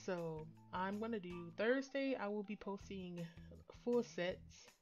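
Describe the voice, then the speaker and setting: A woman's voice: mid-range voice, takes it slowly, muffled recording, faint music behind. A woman narrating her nail art tutorial in a casual, chatty voice-over that rambles with fillers and restarts.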